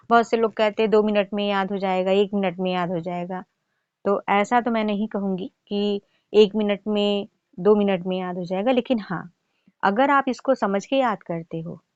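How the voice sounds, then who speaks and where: A woman's voice: mid-range voice, a little mellow, no room sound, dull audio. A woman teaching a grammar lesson, reciting and correcting pronunciation syllable by syllable. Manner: careful drawn-out syllable-by-syllable pronunciation drills. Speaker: Sanskrit teacher.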